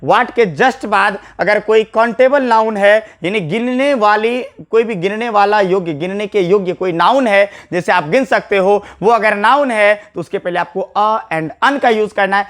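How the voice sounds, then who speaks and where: A man's voice: high voice, moderate pace, hardly any pauses, a bit bright. A man teaching an English grammar lesson, explaining patiently, repeating key points and addressing viewers casually as brother.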